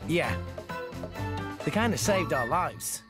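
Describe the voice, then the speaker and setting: A man's voice: on the high side, sing-song, takes it slowly. A man voicing an earnest, good-hearted teenage boy hero, in game cutscene audio with music behind. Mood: urgent.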